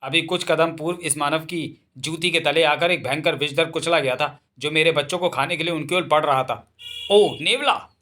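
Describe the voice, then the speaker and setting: A man's voice: fairly high pitch, fairly even intonation, brisk, bright, forceful tone. A man voicing a cheeky mongoose. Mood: teasing. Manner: chatty, teasing. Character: cheeky grateful male mongoose.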